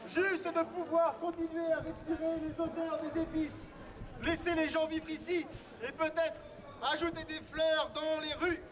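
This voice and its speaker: Very high-pitched male town crier, declaiming outdoors. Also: level tone, a little slow. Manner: declaimed, projected public crying. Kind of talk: town crier proclamation, reading out messages and announcements to a street crowd. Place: outdoors in an urban street. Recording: outdoor street recording with crowd. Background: crowd and street sounds.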